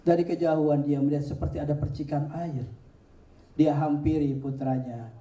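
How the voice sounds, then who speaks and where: A man gives an animated sermon, telling stories and acting out each character's voice. His voice is mellow and fairly high, and it comes from some distance, ringing around an echoey hall. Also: normal speed. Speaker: preacher teaching pilgrimage rites. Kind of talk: sermon with storytelling. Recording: echoey hall, speaker far from mic.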